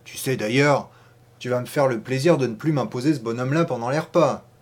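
Brief: a man doing a brash, domineering, mocking man in an audiobook, loud and emphatic, pitched up a bit. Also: lively intonation, unhurried. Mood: scoffing, loud. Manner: loud, scoffing, emphatic declaiming. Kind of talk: audiobook reading.

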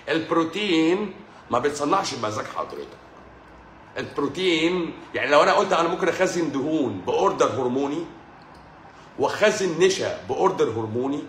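Through a livestream microphone, a man with an Egyptian Arabic accent gives a health lecture and takes viewer questions, emphasizing and repeating points while using English medical terms. His voice runs on the high side and a bit bright, with roomy sound and a little hiss or hum.

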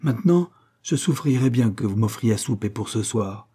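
A man's voice: on the low side, animated, moderate pace, mellow, breathy edge. A man reading aloud, voicing a proud, poor young captain in an impassioned, declamatory way. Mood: earnest confession.

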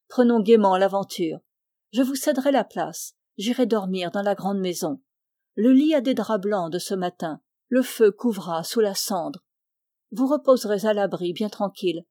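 Une femme lit à voix feutrée les répliques d'un jeune homme amoureux, sincère et tendre, dans un livre audio. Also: female voice, medium pitch, mellow, no room sound, studio quality, close to an everyday voice. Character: young man in love, earnest and tender. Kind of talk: audiobook dialogue reading.

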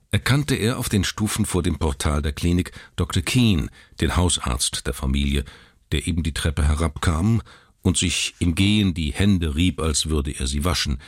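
A man narrating a literary story in a measured, dramatic reading. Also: rumbling low, no room sound, clean studio sound.

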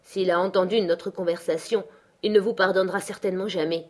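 A woman voicing a proud, quick-tempered young woman in an audiobook, scornful and dramatic. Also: medium pitch, a little mellow, close to an everyday voice. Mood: urgent. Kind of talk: audiobook character reading.

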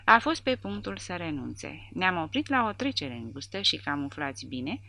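A woman narrating an audiobook in a measured, even reading. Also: low voice, gravelly, no room sound.

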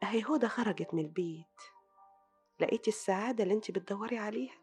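A meddling Egyptian sister. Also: female voice, sits high, very animated, quick pace, soft background music. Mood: self-reproach. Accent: Egyptian Arabic. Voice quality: insistent, scolding, theatrical. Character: meddling, sharp-tongued older sister, scheming. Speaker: sister of the household.

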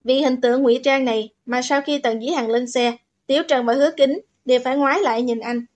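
A woman narrating a novel as an audiobook, in steady, even storytelling. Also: sits high, quick pace.

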